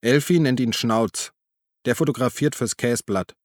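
A man voicing a gruff, weary male police detective who answers tersely. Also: mid-range voice, measured pace, no echo, studio quality, lightly acted. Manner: grumbling, terse.

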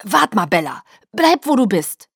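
A gruff middle-aged father, loud and grumbling in his embarrassment, as a woman voices him for an audiobook. The voice sits dry and close. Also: mid-range voice, lively intonation, a little fast, no echo, heavily acted.

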